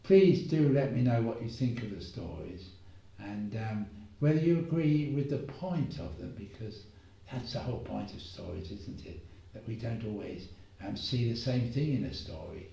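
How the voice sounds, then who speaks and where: A man telling a moral story as a gentle, unhurried homily, pausing often. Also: on the low side, expressive, gravelly. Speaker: preacher. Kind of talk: reflective spoken homily. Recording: echoey room, voice far from mic.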